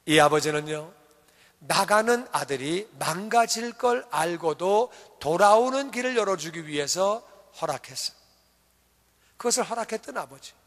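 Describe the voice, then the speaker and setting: A man preaching a sermon as pastor, telling a story in a lively way and acting out what the people in it say. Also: sits high, normal speed, big-room sound. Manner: animated storytelling, acting out quoted speech. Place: church sanctuary.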